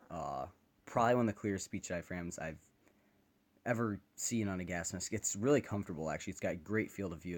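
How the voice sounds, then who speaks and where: A man talking casually and off the cuff as he reviews gear, recorded on a phone camera. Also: low-pitched. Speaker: gas mask reviewer. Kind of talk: casual unscripted product review. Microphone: handheld phone camera.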